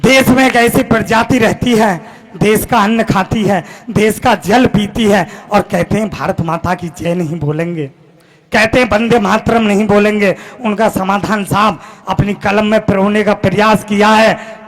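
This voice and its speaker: A man declaims his verse with fierce passion, his voice pitched very high. He hammers home key lines by repeating and shouting them, like a poet on a village stage. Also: unhurried, low-quality recording. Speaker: poet reciting at a poetry gathering. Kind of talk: impassioned poetry recitation.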